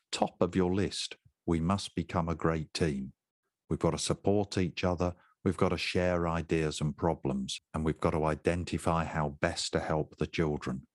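Older guy, very low voice, dry sound, explains teaching stuff and says things twice for emphasis. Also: no room sound. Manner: emphatic, repeats key points, conversational asides. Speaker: education trainer. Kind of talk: instructional talk.

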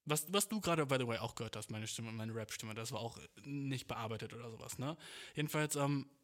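A man's voice: medium pitch, a little fast, fairly bright tone. A man in his twenties, talking in a loose, rambling, slang-heavy monologue that swears a lot and mixes in English. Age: 20s. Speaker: podcast host and amateur musician.

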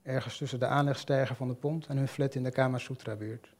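Mellow-voiced man reading a story. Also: mid-range voice. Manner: calm, measured storytelling. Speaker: reader. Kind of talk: scripted narration of a short story.

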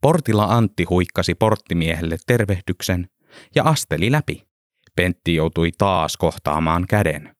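A man reading a story aloud in calm, measured narration. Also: low voice, dry recording, clean studio sound. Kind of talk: audiobook narration.

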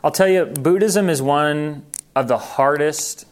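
A man's voice: fairly high pitch, measured pace. A man who grew up in Thailand, giving an earnest, informal training talk to missionaries and correcting himself as he goes.

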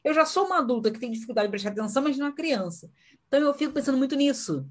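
A woman, a podcast host chatting casually and acting out lively voices when she quotes people. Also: sits high, rapid-fire. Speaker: podcast host and event presenter. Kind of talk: casual conversation.

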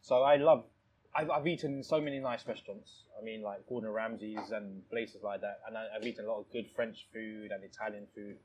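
A man's voice: on the low side, steady tone, fairly quick, darkish tone, breathy edge, poor audio. A man from Thailand who owns a restaurant, talking in a casual interview with many restarts and "you know"s. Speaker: restaurant owner. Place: his restaurant, indoors.

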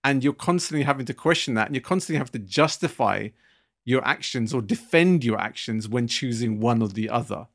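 A British man in his thirties co-hosts a casual podcast discussion, speaking earnestly with many fillers and restarts. His medium-pitched voice is animated, brisk, and a bit bright.

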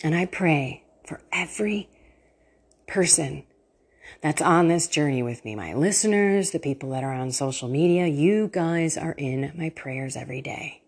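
A woman with a low, husky voice talks straight to her podcast listeners about faith. She is earnest and animated, and laughter often breaks into her speech. The tone is personal and conversational. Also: measured pace. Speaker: podcast host.

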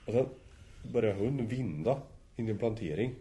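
A man's voice: lowish voice, lively intonation, dark tone. A man casually telling a hunting story to friends in an easygoing way, chuckling between phrases. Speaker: hunter telling stories.

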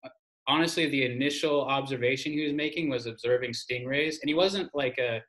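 A man hosts an interview podcast, chatting enthusiastically through the intro and conversation with many fillers and restarts. His voice is medium-pitched, brisk and fairly bright, and the audio quality is poor.

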